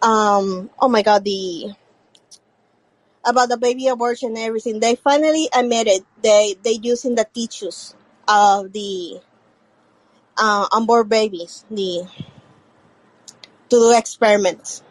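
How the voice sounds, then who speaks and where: Female call-in guest, native Spanish speaker, Puerto Rican accent. Careful, halting English, unhurried, dry sound. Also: a little high, no room sound, low-quality recording. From Puerto Rico. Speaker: caller. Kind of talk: casual call-in talk.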